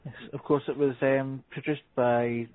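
Host on a tinny phone-like line. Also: male voice, mid-range voice, level tone. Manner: brisk questions, laughs often. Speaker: podcast host. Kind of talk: casual chat.

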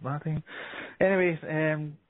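A man hosting a casual chat, asking brisk questions and laughing often. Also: on the high side, steady tone. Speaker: podcast host. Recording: tinny phone-like line.

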